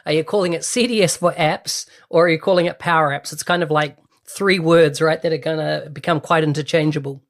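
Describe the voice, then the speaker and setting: A man's voice: fairly high pitch, fairly even intonation, fairly quick. A man hosting a podcast interview, chatty and upbeat as he asks questions. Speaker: podcast host. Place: London.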